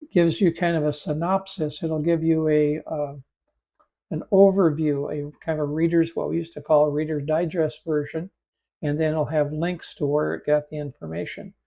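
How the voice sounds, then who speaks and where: Male tutorial host in his 50s, a bit froggy, casual and chatty with restarts, darker tone, slightly raised pitch. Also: creaky, dark tone. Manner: conversational, with fillers and restarts. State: froggy voice from allergies. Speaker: host and AI instructor. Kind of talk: screen-share tutorial narration.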